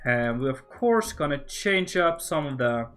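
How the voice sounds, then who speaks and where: Norwegian-accented man, slow unhurried delivery, rambling self-talk while building, faint music underneath. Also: a little high, big pitch swings, fairly bright tone. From Norway. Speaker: Minecraft builder streaming. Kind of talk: casual building commentary.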